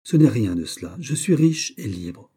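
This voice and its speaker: A man voicing D'Artagnan, an aging, proud and sly musketeer, in an audiobook reading, talking in a brisk, boastful way. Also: medium pitch, big pitch swings, mellow, breathy edge. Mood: assured.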